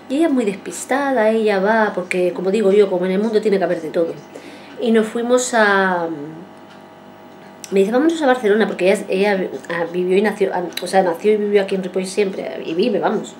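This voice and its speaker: Rambling, mellow-voiced woman in her forties. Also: mid-range voice, a little hiss or hum. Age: 40s. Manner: rambling, repeats herself and acts out quoted speech. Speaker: vlogger. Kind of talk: casual storytelling to viewers.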